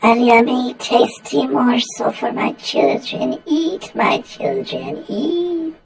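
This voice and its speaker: A man voicing a slow, otherworldly disembodied spirit who feeds her children, as game master of a tabletop game. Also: very high voice, vocal fry, soft background music, pitched above the performer's own voice, exaggerated voice, low-quality recording. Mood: hungry crooning.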